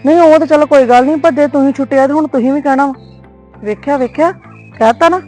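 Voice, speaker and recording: A woman's voice: high voice, fast, mellow, soft background music, lightly acted. A woman playing a young wife in a web series drama, placating but firm as she talks on the phone. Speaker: daughter-in-law.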